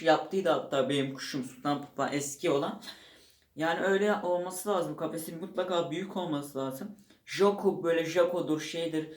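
A man casually explaining how to keep a pet bird at home, rambling and stopping to search for words. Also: a little high. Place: room at home beside a bird cage. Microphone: handheld camera set up nearby. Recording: echoey room.

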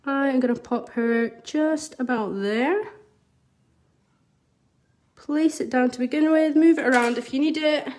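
Her voice high and a little mellow, a mildly accented Scottish nail artist talks unhurriedly with long pauses during a live tutorial. She chats and reads viewer comments as she works at her indoor studio desk, filmed by a phone camera above the work table.

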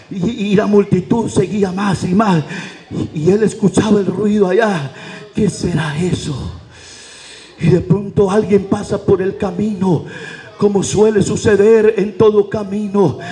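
A man preaching a fervent sermon at a church convention, often shouting his exclamations. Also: high voice.

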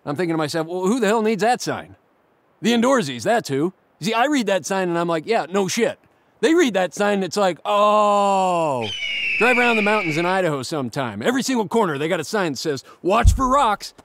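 High-pitched sarcastic ranting man. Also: animated, fairly quick, gravelly, a bit bright, dry recording. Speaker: comedic outdoorsman host. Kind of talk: scripted comedic monologue.

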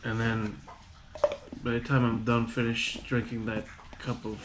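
A man vlogging casually about a home remedy, rambling with halting restarts and fillers. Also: mid-range voice, completely flat delivery. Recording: audible background noise.

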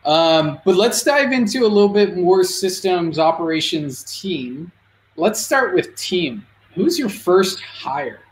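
Podcast host guy, kinda high voice, pitching deals, lots of uhs, echoey. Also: sing-song, slow. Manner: salesy, many "uh" fillers. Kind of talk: promotional pitch and interview questions. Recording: roomy echo.

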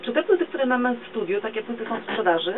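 A woman's voice: a little high, big pitch swings, quick pace, crowd noise. A woman hosting a radio interview in a small studio, asking questions of a guest. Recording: dull lo-fi camera recording, clear noise.

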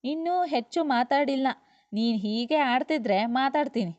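A woman's voice: fairly high pitch, steady tone, normal speed, dark tone, no room sound, natural voice. A woman voicing a proud young wife who turns tearful and pleading, in a dull lo-fi recording. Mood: defiant. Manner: pleading, emotional.

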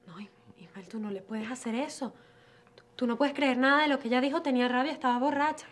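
A woman's voice: high-pitched, fairly quick, lightly acted. An actress playing a young woman begging a fatherly man not to leave, in a television drama. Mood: pleading. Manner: pleading, exasperated. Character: young woman, desperate not to be left alone. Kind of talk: telenovela acting.

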